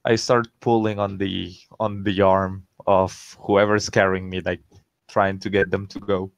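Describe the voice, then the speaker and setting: A man's voice: sits low, little pitch movement, measured pace, gravelly. A man playing a tabletop game online, chatting casually and playfully. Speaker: player.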